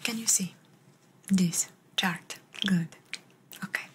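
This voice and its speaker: Woman as slow-speaking Italian clinician, whispered role-play. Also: fairly low pitch, husky, heavily acted. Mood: calm, encouraging. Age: young adult. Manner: gentle step-by-step instructions with repeated short praise. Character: calm, encouraging female Italian clinician giving an exam. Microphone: close ASMR microphone.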